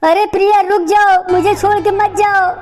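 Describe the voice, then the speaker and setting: A woman's voice: extremely high pitch, level tone, moderate pace, a little mellow, soft background music. A woman voicing a lovesick young man in a cartoon comedy, begging and pleading in a tearful way.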